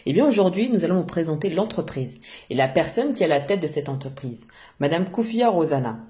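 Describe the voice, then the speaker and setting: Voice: mid-range voice, very animated, brisk, warm tone. An interviewer who opens formally, asks questions and adds short friendly quips.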